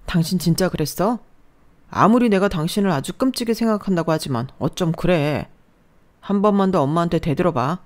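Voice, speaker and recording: A domineering husband, read by a woman in a lowish voice. He speaks curtly and dismissively in this storybook story. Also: lively intonation, a little fast, a little mellow, lightly acted. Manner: curt, domineering. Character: bossy, dismissive husband, adult man.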